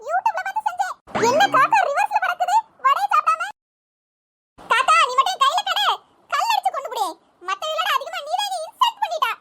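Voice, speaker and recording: Chipmunk-high cartoon wifey, chattery and eager, super bright. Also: expressive, fairly quick. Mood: cheerful. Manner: chipper, chattering, sped-up squeak. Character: young cartoon wife Uma, proud and overeager cook. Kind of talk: cartoon voice acting.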